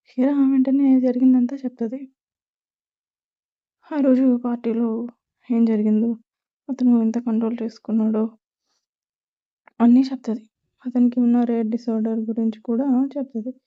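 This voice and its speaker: A woman's voice: fairly high pitch, level tone, moderate pace, long pauses. Woman narrating a story over a tinny line. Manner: plain, chatty retelling. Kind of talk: casual serial story narration. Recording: tinny phone-like sound.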